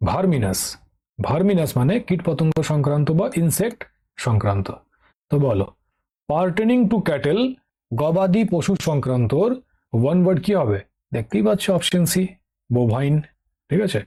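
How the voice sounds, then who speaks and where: A man's voice: on the high side, big pitch swings, moderate pace, mellow, breathy edge. A middle-aged man teaching English vocabulary for exam prep in an online lesson, speaking with a Bengali accent. He is patient and repeats key words, often checking with "ঠিক আছে?".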